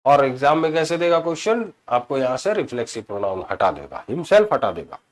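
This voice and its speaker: A man teaching English grammar in a classroom-style video lesson. He mixes Hindi with English terms, stresses key words and slows right down for example sentences. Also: mid-range voice, big pitch swings. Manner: explains in Hindi mixed with English terms, asks "ठीक है?" often.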